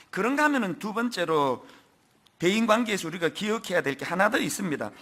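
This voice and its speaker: A man's voice: high voice, pushed and bright. A middle-aged man preaching a sermon as pastor of a church, asking rhetorical questions and reading scripture aloud in an earnest voice. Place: church sanctuary.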